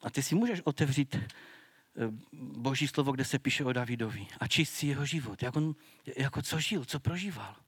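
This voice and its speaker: A man's voice: medium pitch, expressive, a bit bright, slightly rough, no room sound. A man preaching a sermon, earnest and conversational, sometimes restarting his words.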